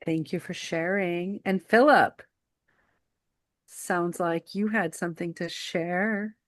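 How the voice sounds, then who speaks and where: A woman's voice: fairly low pitch, slow, no echo. Woman moderator, upbeat and encouraging, dry close sound, video call. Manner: upbeat, encouraging, laughs easily. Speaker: co-host and moderator. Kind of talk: casual group facilitation.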